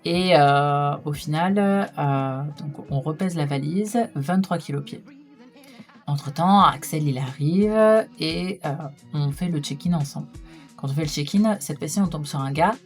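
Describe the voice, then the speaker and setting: Low-voiced woman telling a story. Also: measured pace, faint music behind. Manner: chatty, lots of hesitation fillers, laughs while telling. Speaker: vlogger. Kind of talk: casual storytime vlog.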